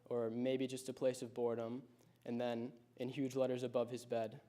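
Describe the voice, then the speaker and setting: In his late teens, this high school senior gives a prepared personal speech, sharing his story reflectively and at a measured pace. His tone is level and mellow.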